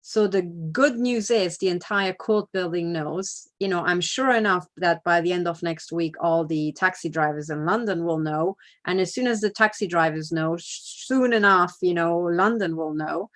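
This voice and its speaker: A woman's voice: lowish voice, moderate pace, few pauses, a bit bright. A woman giving a casual spoken report. She talks bluntly and emphatically, swears freely, and keeps checking in with "you know" and "right?". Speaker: activist giving a video report.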